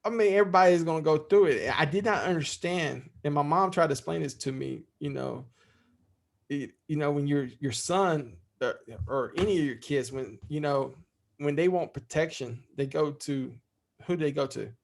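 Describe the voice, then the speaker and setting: A man's voice: fairly high pitch, moderate pace, gravelly. A middle-aged man speaking as a podcast guest in candid interview talk, heartfelt and freely swearing.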